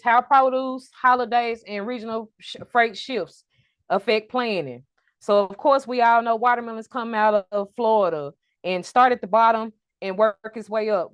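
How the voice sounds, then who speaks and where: A woman giving an online trucking business workshop, lively and preacher-like, calling out to her audience for an amen. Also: a little high, no room sound. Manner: energetic, preacher-like call and response.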